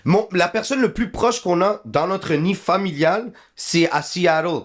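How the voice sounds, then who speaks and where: A man's voice: sits high, unhurried. A man from northern Iraq, chatting casually as a podcast guest and mixing in English slang. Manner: laid-back, mixes French and English slang.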